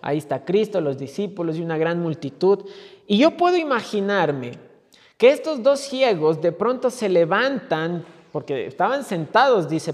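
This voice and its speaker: A male pastor preaching a sermon, stumbling over repeated words and crying out quoted pleas. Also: sits high. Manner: repeats words when stuck, then cries out quoted pleas. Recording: long hall reverb.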